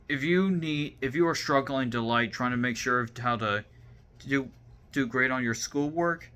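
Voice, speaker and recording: Bright-voiced young man with a Southern accent. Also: medium pitch. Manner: halting, repeats and restarts words. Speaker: vlog host. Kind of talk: casual talk to camera.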